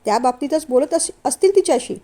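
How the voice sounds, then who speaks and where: A woman's voice: sits high, lively intonation, fast, mellow. A woman voicing a dutiful older male office clerk in a storybook reading.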